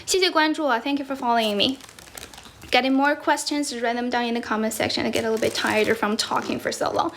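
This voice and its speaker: A woman's voice: on the high side, fast, gravelly, a bit bright, a little hiss or hum. A young Chinese woman, a native speaker of Mandarin with a Chinese accent, chatting casually on a livestream as an English tutor. She is teasing and talkative, and switches languages mid-sentence. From China. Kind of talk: casual livestream chat answering comments. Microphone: phone.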